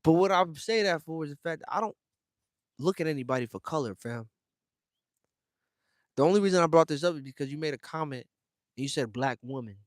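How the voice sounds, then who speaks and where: With a fairly high, expressive voice, a little fast but broken by long pauses, the young American streamer rants casually straight at his viewers. He keeps calling them fam and bro, slangy and emphatic, in a dry, clean studio recording.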